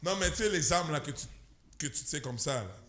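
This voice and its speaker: A man with a Québécois accent, a guest comedian telling an animated, slangy story on a podcast. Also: a little high, a little fast, crowd noise. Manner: slangy, punchy, mixes English words in.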